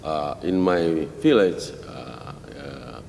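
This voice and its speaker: A middle-aged Indonesian-accented man speaks with a very low voice and an unhurried pace, restarting his English phrases often. He sounds like he is in a roomy hall with a long echo. A faint rumble sits under his speech. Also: creaky, darkish tone. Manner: halting non-native English with many restarts. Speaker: missionary pastor, guest. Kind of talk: interview answers.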